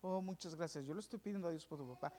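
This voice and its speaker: This male pastor races through a story in his sermon, his voice fairly high in pitch. He drops to a whisper, then rises into fervent, raised preaching.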